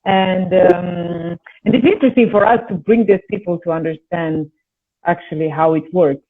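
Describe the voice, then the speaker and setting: An Italian woman, a singer and voice teacher who learned English as a second language, talks earnestly in a casual conversation with an Italian accent. Her voice is husky, on the low side and moderately paced, heard over a tinny, phone-like line.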